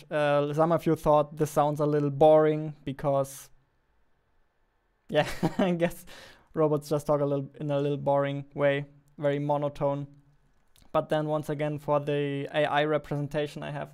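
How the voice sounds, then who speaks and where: A man's voice: a little high, darkish tone, clean tone. A young man with a German accent, chatting casually in a game development vlog. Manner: chatty, self-deprecating, laughs often.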